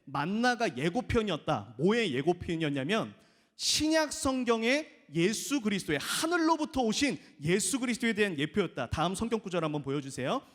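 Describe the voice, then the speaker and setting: A man's voice: high voice, sing-song, moderate pace, fairly bright tone. A man who is a youth pastor, preaching a sermon and acting out whiny, pleading prayers to make his points. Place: church hall. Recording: echoey church hall.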